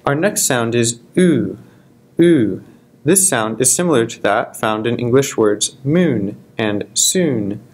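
A man giving a scripted pronunciation lesson, explaining sounds slowly and carefully. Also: mid-range voice, lively intonation. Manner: slow, deliberate, careful articulation. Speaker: language instructor.

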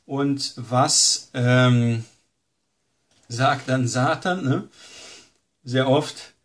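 A man's voice: medium pitch, drawn-out words. Conversational male Bible teacher. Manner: conversational, frequent tag questions. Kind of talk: informal teaching lesson.

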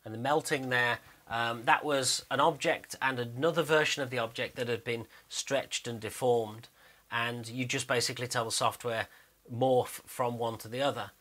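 Speaking in a steady tone, a man with an average-pitched, bright, forward voice casually narrates the 3D animation work on his screen. He explains as he goes, unscripted, pausing to think aloud.

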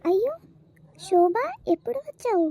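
A woman's voice: extremely high pitch, lively intonation, normal speed, dark tone. A woman voicing a patient young daughter-in-law in a cartoon, who explains and reassures. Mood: soothing.

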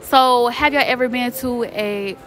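A woman's voice: a little high, a little slow, fairly bright tone. A young woman interviewing people at the mall, brash and teasing, swearing freely, talking into a handheld phone. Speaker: street interviewer. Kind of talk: casual street interview. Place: indoor shopping mall. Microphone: handheld phone held to mouth.

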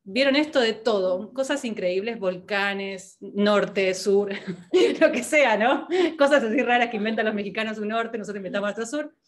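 Animated woman coaching a workshop. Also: mid-range voice, normal speed. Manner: animated, asks many rhetorical questions, laughs often. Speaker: workshop facilitator.

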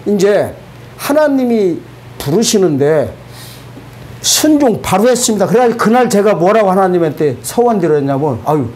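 A man giving a spoken testimony to a church congregation, animated and colloquial, asking the audience rhetorical questions. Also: high-pitched, moderate pace.

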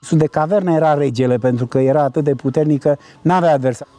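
A man's voice: fairly high pitch, very fast, warm tone. A man in his sixties from Romania, a native Romanian speaker, explaining things unscripted as a researcher. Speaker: cave researcher.

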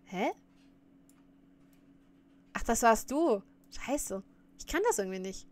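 A woman's voice: on the high side, lively intonation, slow. A woman streamer chatting casually while reacting to a clip, often laughing and scolding her viewers.

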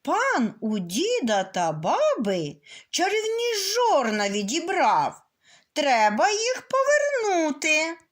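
A woman voicing a brave, stubborn little rooster in a children's storybook reading, insistent and given to shouting demands. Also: high voice, huge pitch swings, slow, exaggerated voice. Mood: determined.

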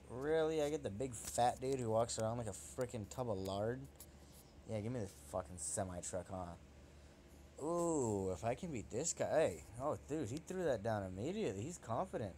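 A young man giving excitable, trash-talking commentary over his own gameplay, swearing at his opponent as he plays. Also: on the low side, slight background noise. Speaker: gaming channel host.

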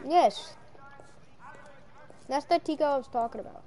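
Young woman chatting thru a game, high but mellow voice, jokey. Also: a little slow. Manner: chatty, joking. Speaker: gamer streamer. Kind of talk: casual gameplay commentary.

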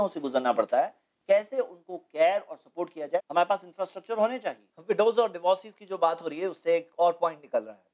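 A man's voice: sits high, a little mellow. Male guest speaker, studio interview, lecturing and explanatory, fond of rhetorical questions. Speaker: guest speaker on Islamic topics.

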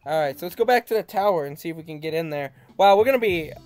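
High-voiced man playing games, playful. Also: expressive, fast, a little mellow, dry recording. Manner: playful, teasing, foul-mouthed. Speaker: let's play host. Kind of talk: casual gaming commentary, reading game dialogue aloud. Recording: light game music behind voice. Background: video game music.

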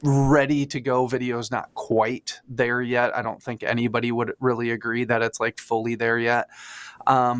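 A man's voice: mid-range voice, fairly bright tone, clear, resonant tone, no room sound. Middle-aged guy on a podcast video call, chatty, says like a lot, dry close sound. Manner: chatty, fillers like "like" and "um", enthusiastic. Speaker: church designer guest. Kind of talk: casual podcast interview answer. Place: home studio room. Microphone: studio mic on a video call.

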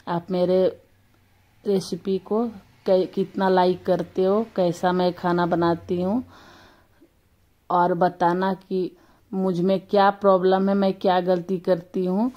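A woman with a slightly sore throat and a fairly low, warm voice hosts a casual cooking tutorial from her home kitchen for her channel. She chats in a homely way and corrects herself as she goes.

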